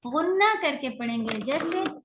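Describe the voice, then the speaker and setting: A woman teaching a recitation class, explaining rules patiently and modeling long drawn-out sounds. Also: sits high, lively intonation, background noise. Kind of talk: online tajweed lecture.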